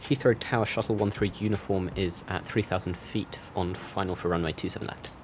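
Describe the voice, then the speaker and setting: A man's voice: low voice, steady tone, a little fast, over music. A man doing clipped, procedural pilot radio readbacks as if over a cockpit headset. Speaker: flight sim tutorial host. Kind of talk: ATC radio phraseology readbacks.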